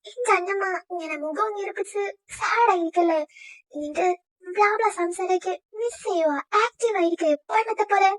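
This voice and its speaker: A woman's voice: very high voice, normal speed, poor audio. A woman voicing a cheerful female friend who coaxes and teases the heroine. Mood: coaxing. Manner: coaxing, bossy.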